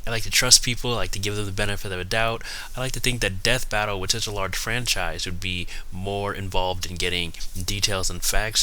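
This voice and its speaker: A man giving casual, unscripted commentary, rambling and haltingly backtracking, with slightly numb-mouthed articulation. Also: fairly low pitch, sharp tone, low-quality recording. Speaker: YouTube video host.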